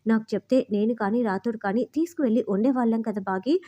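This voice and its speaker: A devoted, anxious husband and father in a read-aloud story recap, spoken by a woman. The voice sits fairly high with a soft, mellow tone. It comes through a slightly dull recording. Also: quick pace, lightly acted. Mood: earnest.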